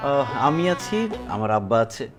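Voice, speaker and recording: An actor playing a brash, boastful young man hunting for a flat, with a sing-song way of talking. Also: medium pitch, moderate pace, over music, natural voice. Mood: bargaining. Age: young adult. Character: brash cocky young man, full of himself. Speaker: son looking for a flat.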